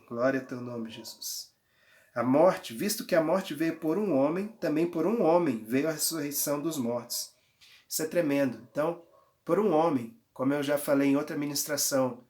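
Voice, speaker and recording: A man preaching a sermon and leading prayer, stretching words out for emphasis and often calling out hallelujahs. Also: mid-range voice. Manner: fervent, drawn-out emphasis with frequent hallelujahs. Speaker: pastor.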